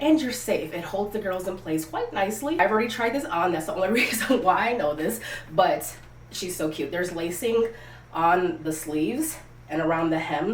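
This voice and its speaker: This casual try-on haul comes from a young woman who hosts a fashion channel, sniffly and congested with a cold, speaking frankly and directly to viewers outdoors where it's windy. Her voice sits on the low side. A far-off mic leaves roomy echo and a little ambient noise.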